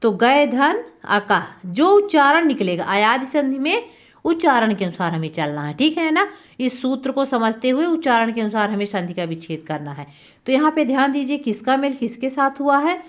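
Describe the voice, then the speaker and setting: High-voiced woman teaching grammar. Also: very animated, fairly quick. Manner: repeats questions and answers them herself, drawing out key sounds. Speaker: Sanskrit teacher. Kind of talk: classroom lesson explaining grammar.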